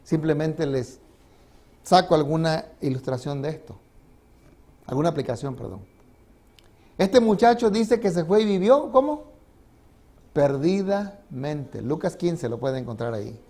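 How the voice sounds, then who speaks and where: A man's voice: a little high, animated, a little slow, long pauses, mellow. Emphatic male pastor preaching. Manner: emphatic, rising and falling delivery. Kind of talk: sermon. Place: church.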